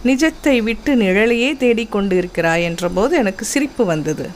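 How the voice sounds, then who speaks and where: A woman's voice: fairly high pitch, animated, moderate pace, slight background noise, close to an everyday voice. Woman voicing teasing sage Narada. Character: wandering male sage, teasing and knowing.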